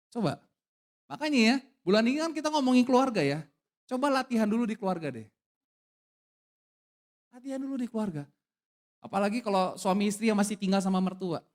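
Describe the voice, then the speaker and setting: A male pastor delivering a sermon at a church service, his pitch leaping up and down as he talks. He fires questions at the congregation and slips into relaxed, slangy jokes. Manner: lively preaching with questions to the congregation; casual slangy asides and jokes.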